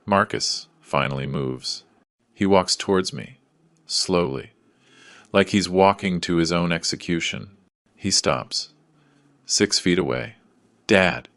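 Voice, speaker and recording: Slow, deep, gravelly male narrator. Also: fairly bright tone, no room sound, studio quality. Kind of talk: dramatic first-person story narration.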